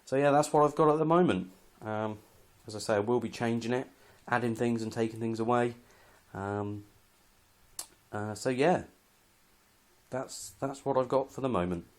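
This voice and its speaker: The presenter, a British man showing his kit as a hobbyist, speaks at a normal speed in a medium-pitched, slightly mellow voice. His casual, unscripted walkthrough of the gear is understated and matter-of-fact, with a hint of hesitation.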